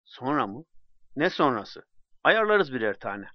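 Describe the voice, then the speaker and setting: A man voicing a drunken, boastful middle-aged man who shouts and taunts, in a storybook reading. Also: mid-range voice, big pitch swings, a little slow, no room sound, highs cut off. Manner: slurring swagger, shouting and taunting.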